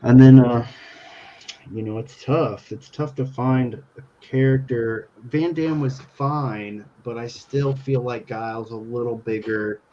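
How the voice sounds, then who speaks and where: A man's voice: mid-range voice, measured pace, warm tone, highs cut off, slight background noise. A man co-hosting a drawing talk show, chatting casually and teasing in joking banter. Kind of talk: casual chat while drawing.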